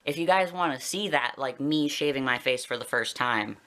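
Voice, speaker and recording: A young adult man with a Canadian accent talks casually and candidly to his viewers in a personal vlog, rambling a little. His voice is medium-pitched, bright and forceful, delivered at a normal speed.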